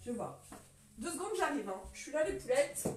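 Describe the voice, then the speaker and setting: High-voiced chatty French woman. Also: very animated, a little fast, noisy background. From France. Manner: chatty, greets viewers by name, laughs often. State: coughing after a run. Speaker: makeup seller doing a live tutorial. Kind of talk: casual live-stream makeup tutorial.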